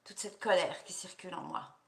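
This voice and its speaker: A woman practitioner leading a guided EFT tapping session, repeating slow affirmations and coaching listeners between phrases. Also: lowish voice, roomy sound.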